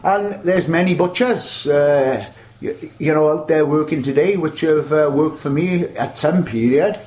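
As an interview guest, an older veteran butcher with a South Wales Valleys accent rambles fondly through his memories, starting his stories over several times. His pitch is fairly high, his pace a little slow and his tone a little mellow.

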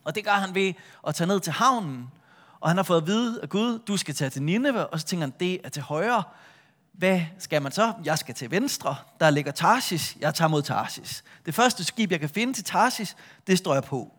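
A middle-aged man preaching a sermon, retelling a Bible story with lively shifts between a full voice and a soft hush. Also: high voice. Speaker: pastor.

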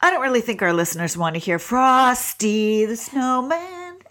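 Co-hosting a relationship show, a middle-aged woman with a stuffy nose keeps things chatty and casual, laughing easily. She speaks at a normal pace in a somewhat high, slightly bright voice with lively intonation.

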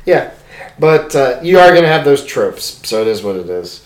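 A man's voice: mid-range voice, big pitch swings, moderate pace. A young man co-hosting a podcast in casual chat, rambling with lots of filler words and swearing freely. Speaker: podcast co-host. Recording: echoey room.

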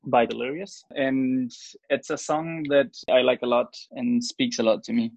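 A church worship singer from Switzerland, young and with a New Zealand-tinged accent, talks as a podcast interview guest in an earnest, casual way. His medium-pitched voice is steady, a little slow and touched by vocal fry, recorded with no echo.

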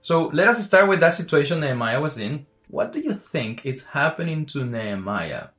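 A man hosts a faith podcast, talking easily and asking his guest open questions, then slowing down to read scripture. His fairly high, very animated voice carries a warm, welcoming tone over faint background music.

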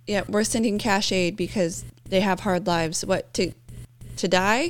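A woman co-hosts a casual political talk, her voice sitting at a middle pitch. She talks in an animated way and leans hard into sarcasm. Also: slight background noise. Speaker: co-host.

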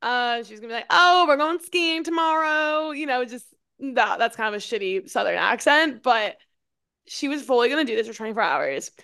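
A woman's voice: fairly high pitch, expressive, brisk, creaky, fairly bright tone. A young woman co-hosting a podcast, chatting casually, filling in details and agreeing often. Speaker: podcast co-host. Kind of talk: casual chat.

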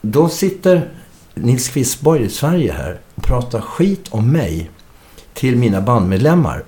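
A man's voice: mid-range voice, very animated, dark tone. A middle-aged man, a musician guest, telling a story in a casual interview, acting out the quoted dialogue and swearing casually.

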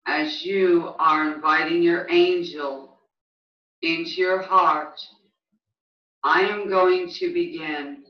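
A spiritual guide leading a guided meditation in a soothing, hushed manner with long pauses. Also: medium pitch. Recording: echoey, distant, slightly muffled recording.

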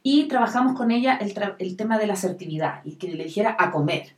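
A woman hosting a casual chat and calmly recounting a workshop story. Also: medium pitch, fast. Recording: roomy echo, distant mic.

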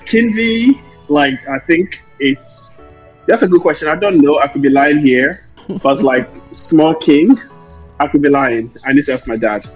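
A man tells his story as an interview guest, circling back and correcting himself as he goes. His voice is a little husky. The recording is dull and lo-fi, with music behind it. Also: a little high, a little slow. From Lomé, Togo; later Ireland. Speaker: interview guest, investor and founder. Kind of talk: conversational interview answers.

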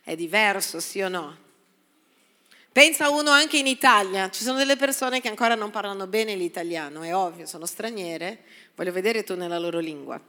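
Bright-voiced woman preaching in a hall. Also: lively intonation, moderate pace. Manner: preaching with call-and-response "Amen?" to the congregation; swings from soft, low asides to loud, emphatic lines. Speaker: pastor. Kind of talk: sermon. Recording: long reverb of a large hall.

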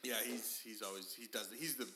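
Bright-voiced male host, casual chat. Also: medium pitch, brisk, a little hiss or hum. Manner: animated storytelling, laughs often.

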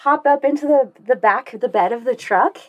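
A young woman recounts a trip in relaxed conversation, her voice sitting a little high. She is animated, laughs often and slips into voices to act out her own quotes. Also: moderate pace, muffled recording. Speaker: guest telling a cycling story. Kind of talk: casual storytelling.

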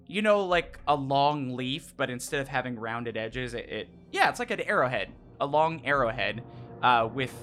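Bright-voiced man as game master. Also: mid-range voice. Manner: halting, informal descriptions. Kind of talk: improvised narration of a tabletop game. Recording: music playing behind the voice. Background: background music.

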